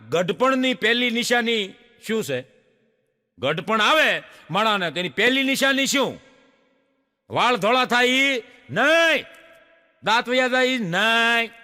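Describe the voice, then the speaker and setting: A man doing stand-up comedy, telling jokes and acting out the dialogue in his stories. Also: sits high. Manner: lively storytelling, acts out dialogue. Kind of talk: Gujarati stage joke-telling. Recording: live stage show in a hall.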